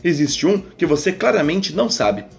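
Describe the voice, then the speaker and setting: A man reading aloud, voicing a poised adult woman mentor who speaks calmly and insistently. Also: fairly high pitch, normal speed, creaky, soft background music. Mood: serious. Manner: calm, teasing, insistent.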